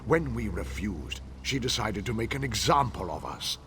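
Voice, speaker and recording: A man playing an anguished, dying townsman spirit in a video game, speaking solemnly and haltingly with weary, dramatic pauses. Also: fairly low pitch, expressive, fairly bright tone, a little hiss or hum. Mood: grave, sorrowful. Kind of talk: video game character acting.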